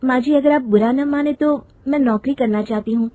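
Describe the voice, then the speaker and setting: A woman's voice: high voice, normal speed, warm tone, no echo, pitched above the performer's own voice, close to an everyday voice. A woman voicing a polite, hesitant young daughter-in-law in a cartoon story.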